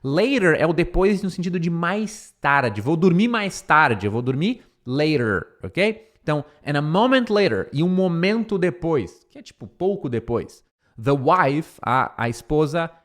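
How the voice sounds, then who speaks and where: Lively Brazilian man teaching English. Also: on the high side. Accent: Brazilian Portuguese. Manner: lively, repeats English words slowly to drill pronunciation. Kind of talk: English lesson explained in Portuguese.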